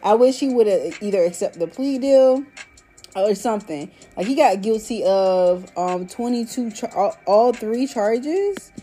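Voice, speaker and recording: A woman hosting a solo podcast in casual, slangy chat, rambling in a stoned, high-sounding drawl and talking straight to her listeners as y'all. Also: expressive, a little slow, mellow, faint music behind. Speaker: podcast host.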